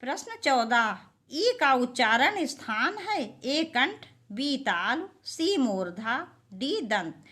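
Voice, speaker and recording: A woman's voice: high-pitched, sing-song, fairly bright tone. A woman teacher reading out exam questions and their answer options, then explaining each answer. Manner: reads options slowly, then explains with stressed syllables. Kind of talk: exam quiz lesson.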